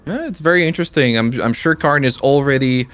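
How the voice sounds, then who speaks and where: A man co-commentating an esports race, giving lively, upbeat play-by-play with some fillers. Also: medium pitch, a little fast.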